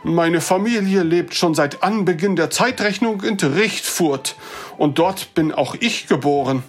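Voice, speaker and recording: A storyteller voicing an older human gentleman who speaks formally and a little hesitantly. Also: mid-range voice, unhurried, slightly rough, pitched above the performer's own voice. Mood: earnest. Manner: formal, hesitant, old-fashioned.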